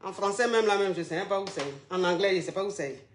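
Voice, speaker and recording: A woman's voice: mid-range voice, fast, reverberant, a little hiss or hum. A woman hosting a casual live stream, chatting to her viewers and repeating her questions to them. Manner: chatty, keeps asking viewers the same question.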